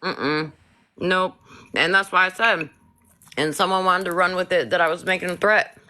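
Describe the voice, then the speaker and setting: A woman's voice: fairly low pitch, steady tone, normal speed, sharp tone. A woman from Flint, Michigan, hosting a casual live stream, talking bluntly and swearing often.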